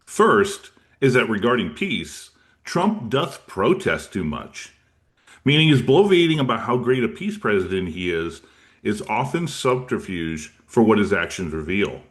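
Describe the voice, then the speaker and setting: Lively-pitched man opening a show. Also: unhurried. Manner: wordy, formal phrasing. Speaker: host.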